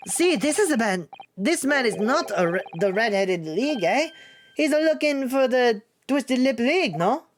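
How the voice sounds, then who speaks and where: A woman's voice: fairly high pitch, expressive, normal speed, slight background noise, pitched above the performer's own voice, lightly acted. A woman voicing a theatrical, blustering male henchman from a video game, speaking broken English. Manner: broken English, tag questions.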